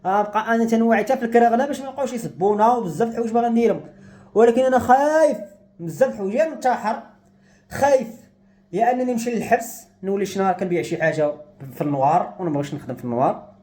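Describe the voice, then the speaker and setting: A young vlogger with a Moroccan Arabic accent rants to camera, agitated and despairing, in an emotional monologue. His voice sits high, racing and expressive, with a slightly mellow quality.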